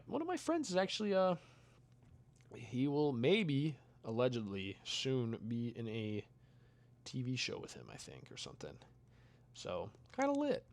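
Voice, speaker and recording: While gaming, a young man in a mid-range voice talks loosely with his chat, reading what viewers write. He sounds increasingly worn out, wandering off into soft mumbling before snapping back with brief, louder outbursts.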